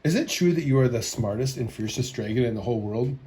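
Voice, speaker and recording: A man's voice: mid-range voice, lively intonation, fast talker, darkish tone, slight background noise, natural voice. A man voicing a bold, clever young princess from a storybook, with an emphatic, exclaiming delivery. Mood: flattering.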